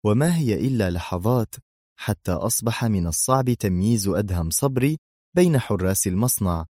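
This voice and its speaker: A man narrating a spy novel as an audiobook, measured and expressive. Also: on the low side, no room sound, studio quality.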